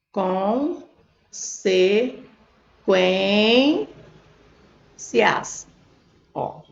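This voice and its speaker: A Brazilian Portuguese woman teacher works through exam grammar, posing a question and then answering it herself. Her voice sits a little high and moves a great deal, with a gravelly edge. The recording sounds dull and lo-fi. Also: reverberant. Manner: step-by-step, asks questions and answers them herself. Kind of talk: exam prep lesson, explaining on a board.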